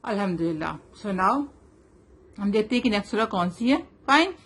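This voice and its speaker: A woman teaching a child Quran recitation rules, switching between Urdu and English, stretching words out slowly to model them and quizzing with "right?" and "fine". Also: mid-range voice, lively intonation, fairly bright tone, slight background noise. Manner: asks quiz questions and checks with "right?" and "fine". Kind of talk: tajweed lesson for a child, mixing Urdu and English.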